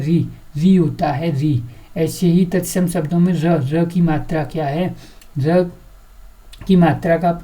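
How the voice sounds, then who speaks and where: A woman with a low, mellow voice gives an exam-prep grammar lesson. She quizzes the class over and over and then answers her own questions. Each example word gets repeated several times. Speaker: teacher.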